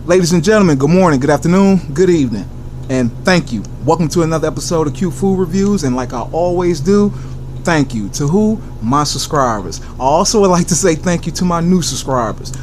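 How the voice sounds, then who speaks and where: American man, fairly high voice, enthusiastic casual food reviewer, talks straight to viewers, repeated catchphrases, noticeable background noise with crinkling. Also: animated, fairly quick, a little mellow. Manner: addresses viewers directly, repeats catchphrases, asks and answers own questions.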